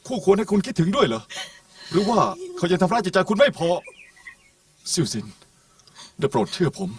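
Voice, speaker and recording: A man's voice: high voice, big pitch swings, a little fast, dry recording. An actor dubbing an earnest young man in love in an older film melodrama, speaking in a pleading, sincere way. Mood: scornful, then tender. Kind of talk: Thai dub of a 1960s film melodrama. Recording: distant voice over film score.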